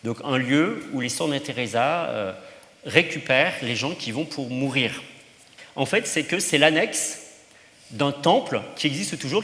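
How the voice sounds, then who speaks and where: A man's voice: mid-range voice, fairly bright tone. A male priest giving an informal teaching to teenagers, chatty, with many fillers and asides. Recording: roomy hall with long reverb.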